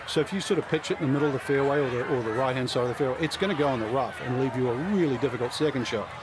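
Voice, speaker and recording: A man's voice: mid-range voice, very fast. A man giving live golf commentary and analysis as a broadcast analyst. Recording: noisy outdoor broadcast.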